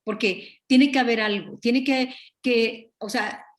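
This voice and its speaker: A woman teaching a Bible study over a video call, earnest and animated, often correcting herself mid-sentence. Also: a little high, slow. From Guatemala.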